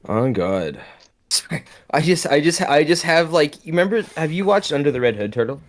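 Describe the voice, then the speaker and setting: A man co-hosting a podcast, talking in an excited, rambling way and laughing often. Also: a little high, a little fast. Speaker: podcast co-host. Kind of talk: casual podcast chat.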